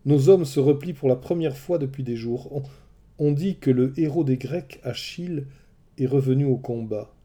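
A man's voice: medium pitch, moderate pace, dark tone, lightly acted. A man voicing a grave old queen mother. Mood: worried.

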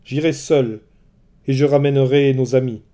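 A man's voice: mid-range voice, steady tone, moderate pace, natural voice. A man voicing a determined hero and leader who speaks firmly, in a storybook reading. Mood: angry, resolute. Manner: firm, forceful.

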